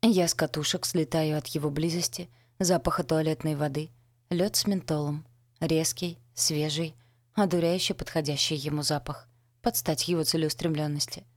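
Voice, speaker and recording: A woman's voice: sits low, fairly even intonation, normal speed, no room sound. A woman reading a first-person novel aloud as an audiobook narrator, with a wry, ironic storytelling manner on a close mic.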